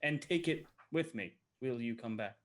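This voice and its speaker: A man's voice: mid-range voice, animated, moderate pace. A man playing in a tabletop game, talking bluntly and casually, with hesitant restarts. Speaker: player.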